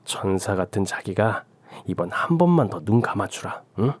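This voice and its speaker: A man's voice: fairly low pitch, sing-song, normal speed, dry recording. A man voicing an evasive young husband who keeps placating his wife in a radio drama. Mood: wheedling. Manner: placating, wheedling.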